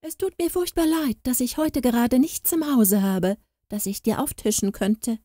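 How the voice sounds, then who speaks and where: A woman's voice: medium pitch, animated, unhurried, mellow, no echo, clean studio sound, voice pushed up. A woman voicing a hypocritical housewife who gushes with sugary, overdone politeness in a storybook. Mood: gushing. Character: scheming hypocritical housewife, gushing and false.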